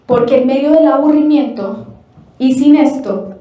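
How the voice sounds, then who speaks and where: High-voiced woman lecturing in an echoey hall. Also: unhurried. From Colombia. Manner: animated, acts out quotes, asks rhetorical questions. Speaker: speaker at a family forum. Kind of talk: lecture to an audience. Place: forum hall.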